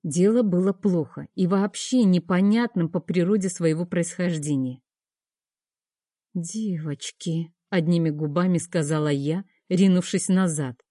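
A woman's voice: lowish voice, normal speed, hardly any pauses, dark tone, no room sound. A woman narrating a first-person audiobook in a tense, dramatic storytelling manner on a close mic.

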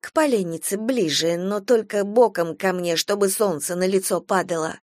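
A woman playing a grim captive woman who speaks slowly and gives commands. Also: mid-range voice, no echo, clean studio sound, lightly acted. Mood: slow, cold. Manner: slow, measured, commanding.

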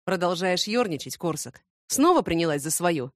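A woman's voice: on the low side, very animated, normal speed, no room sound, studio quality. A woman voicing a shy, stubborn young male student who grumbles irritably. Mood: annoyed.

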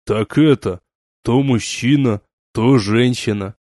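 A man reading an audiobook, voicing a shy, embarrassed young man who speaks slowly and hesitantly. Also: mid-range voice, darkish tone, no echo, studio quality, lightly acted. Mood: sheepish.

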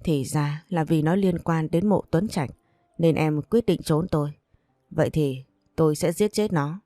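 A woman's voice: deep voice, unhurried, mellow, no echo, clean studio sound. A woman voicing a cruel middle-aged gangster boss in a storybook reading, harsh and threatening. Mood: mocking.

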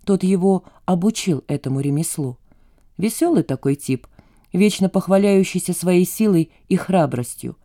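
A woman giving an expressive, lively audiobook narration. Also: on the low side, normal speed.

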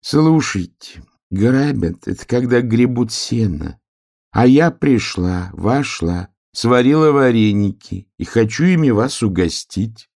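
A sly, smug lynx from a children's tale, as a man reading aloud puts her on. The voice sits high above his usual low tone, drawn out and teasing. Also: animated, takes it slowly, vocal fry, darkish tone, full character voice. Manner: drawling, mocking.

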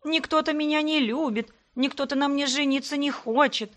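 Woman as a joking young heroine, mock whine, bright, a touch high. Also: moderate pace, close to an everyday voice. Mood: mock whining. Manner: mock-whiny, playful.

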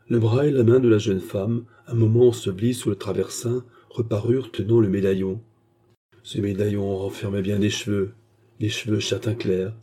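A man reading a novel aloud as scripted narration, with a steady literary delivery and a shift in voice for each character. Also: fairly low pitch, husky. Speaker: audiobook reader.

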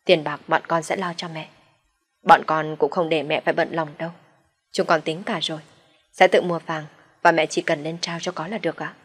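A woman voicing a young man, protective of his partner and quick to anger. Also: low voice, steady tone, slightly rough. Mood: pleading. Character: protective young husband, hot-tempered.

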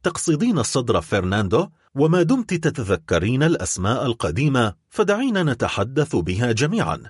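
A cold, vengeful nobleman with a husky, biting edge, as a man reads him. His sarcastic delivery swings widely in pitch, recorded close and dry. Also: huge pitch swings, brisk, no echo. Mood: cold bitter. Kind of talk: dramatic audiobook reading.

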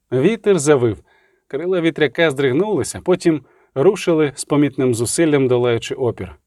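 A man's voice: mid-range voice, a little mellow, no echo, studio quality. A man narrating a fantasy novel as an audiobook, telling it dramatically and shifting his voice for the characters.

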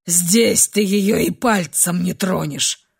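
A woman's voice: fairly low pitch, vocal fry, breathy edge, pitched below the performer's own voice, heavily acted. Woman voicing a cold, possessive beast-man. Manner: cold, slow and commanding.

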